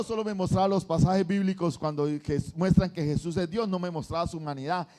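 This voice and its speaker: A pastor delivers an animated sermon and keeps quizzing his listeners. His voice sits high for a man, with a soft, mellow tone. He moves between teaching and telling stories with lively energy. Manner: animated storytelling preacher quizzing the congregation.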